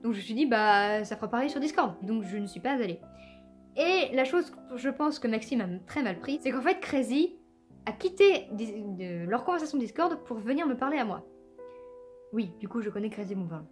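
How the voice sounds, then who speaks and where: A young woman with a fairly high voice talks in a chatty, hesitant way, restarting her sentences and filling pauses. She answers fan questions casually, and faint guitar music plays softly behind her. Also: big pitch swings. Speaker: cosplayer and aspiring voice actor answering fan questions. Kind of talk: casual chat.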